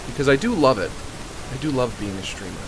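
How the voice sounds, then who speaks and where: A fast-talking male video game streamer with a medium-pitched voice and lively intonation jokes and rambles casually on his livestream, chuckling at his own lines. Background music plays, and his expensive large-diaphragm condenser mic produces strongly hissy sibilance.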